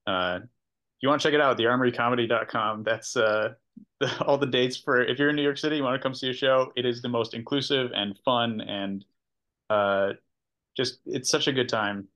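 A man's voice: mid-range voice, normal speed, fairly bright tone. A man with an American accent chats casually as an interview guest, in a hesitant, understated way. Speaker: podcast guest, sketch comedian. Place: remote video call.

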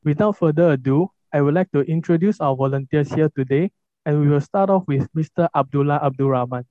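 Speaking fairly quickly in a fairly high voice, a young man hosts a podcast, delivering scripted, formal introductions and questions in an orderly way. The lo-fi recording sounds dull but has no echo.

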